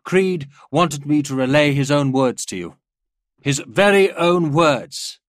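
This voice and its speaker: Playing a proud older general for a dramatised war audiobook, a male narrator projects across an imagined parade ground in stern, commanding tones. His voice is pitched well up and expressive, declaiming rousing oratory at a slow pace. The audio is close, dry and echo-free.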